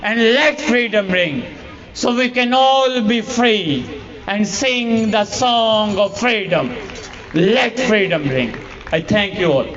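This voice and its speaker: A teenage male student with a Pakistani accent delivers an impassioned, emphatic declamation with deliberate phrasing in a contest hall. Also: sits high, a bit bright. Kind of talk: competitive declamation speech. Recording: muffled sound in a reverberant hall.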